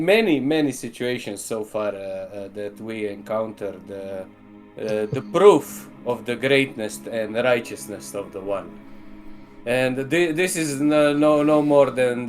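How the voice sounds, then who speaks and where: Male player, in character, halting and hesitant, music under. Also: medium pitch. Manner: halting, with many fillers. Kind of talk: in-character role-play.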